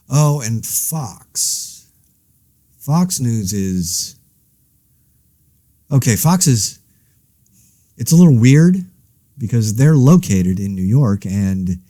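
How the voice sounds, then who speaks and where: Hosting a satirical podcast, a man with a lowish voice delivers casual, rambling mock news commentary. His manner is wry and deadpan, and he keeps interrupting himself. The audio is studio quality with no room sound.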